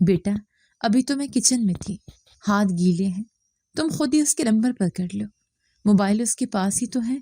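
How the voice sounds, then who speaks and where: A woman voicing an older mother-in-law who speaks softly and plays the victim. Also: medium pitch, expressive, no room sound, lightly acted. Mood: sly. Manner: soft complaining tone, plays the victim. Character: older mother-in-law, sly and self-pitying.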